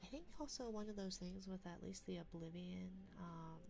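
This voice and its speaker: A woman hosting a bedtime ASMR live stream, chatting softly and intimately like pillow talk and often dropping into whispers close to the microphone. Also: on the low side, moderate pace, creaky, slight background noise. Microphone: close binaural microphone.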